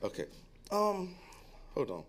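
A male pastor preaching a sermon in an animated, joking way, acting out onlookers' voices and then dropping to a quiet tone to exhort. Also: slow pace, a crowd in the background. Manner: drops to a low, quiet tone when reading and exhorting.

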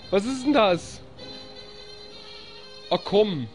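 A live streamer with a German accent talks through a game very slowly in a mid-range voice. The let's-play is excitable, with plenty of cheering and laughing and some grumbling when things get stuck. Soft music plays in the background.

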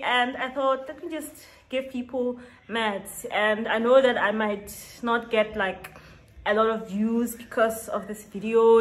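In a small indoor room lined with shelves, a South African woman in her late twenties records a casual get-to-know-me vlog for YouTube. Her voice sits on the high side and has a fairly bright tone. She frequently laughs and elongates words for emphasis.

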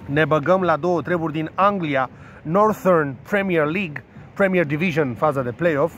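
Outdoors and caught in the rain, a man casually runs through the day's sports betting tips, cracking crude jokes and playfully mangling foreign team names. His voice is on the high side and fairly bright, with a little hiss or hum in the recording.

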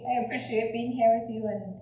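A woman's voice: a little high, steady tone, a little fast, mellow. A young woman explaining things casually as a guest, in a slightly hesitant way. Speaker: guest sharing tips and recipes. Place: home kitchen, indoors. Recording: echoey kitchen with faint hum.

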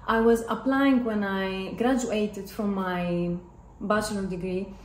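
Speaking slowly in a steady, medium-pitched voice, a Greek woman in her twenties tells a casual personal story to the camera. She's a vlogger and former flight attendant, a native Greek speaker with a Greek accent, recorded in a hard-floored living and dining room at home where the sound echoes and background noise is clearly audible.

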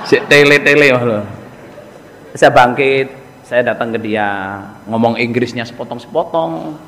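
A man with a Javanese accent giving a lively storytelling sermon, joking with the congregation. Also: medium pitch, slight background noise. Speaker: preacher. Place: mosque. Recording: echoey hall reverb.

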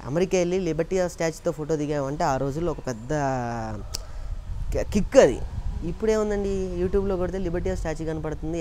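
A man's voice: a little high, slight background noise. A man being interviewed about his career as a mimicry artist, telling stories earnestly and acting out the voices of the people he quotes. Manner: earnest, animated storytelling that acts out quoted voices. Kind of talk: casual interview talk.

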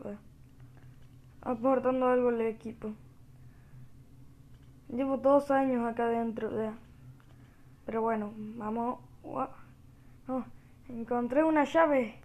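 Woman gamer, Rioplatense accent, low-volume jokey play-by-play, slow delivery. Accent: Rioplatense Spanish. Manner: talks quietly, joking and reacting to the game. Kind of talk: gameplay commentary.

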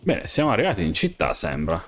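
Excitable man talking to game characters. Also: lowish voice, fast, a little hiss or hum. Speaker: gamer. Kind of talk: game commentary, role-playing as himself.

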